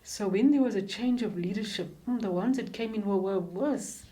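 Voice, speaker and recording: An older woman with a South African accent, speaking in a halting, reflective way as she recounts her life and work in an interview. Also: medium pitch, mellow, slight background noise, poor audio.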